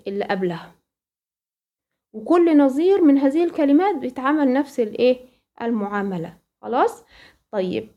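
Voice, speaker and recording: Egyptian lady teaching tajweed, high mellow voice, asks then answers herself, dull lo-fi sound. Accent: Egyptian Arabic. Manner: asks questions then answers them, recites examples slowly. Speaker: Quran recitation teacher. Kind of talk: tajweed lesson.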